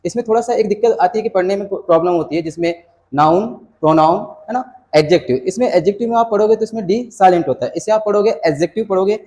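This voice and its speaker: A man's voice: high voice, fast, mellow. A man gives an exam-prep grammar lesson. He explains step by step, mixes Hindi with English terms and keeps asking rhetorical questions. His speech is patient and explanatory.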